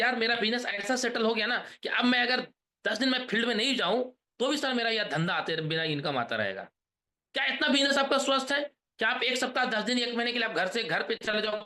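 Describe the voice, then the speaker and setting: High bright-voiced man giving a pep talk. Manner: rousing, asks the audience questions, leads chants. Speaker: motivational trainer. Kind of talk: energetic sales pep talk on a video call.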